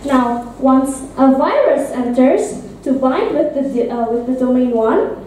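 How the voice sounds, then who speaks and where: A woman's voice: high voice, lively intonation, slow pace, mellow, slight background noise. A young woman giving a student class presentation, explaining step by step and playfully quizzing the audience. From Indonesia. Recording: echoey room, mic far off.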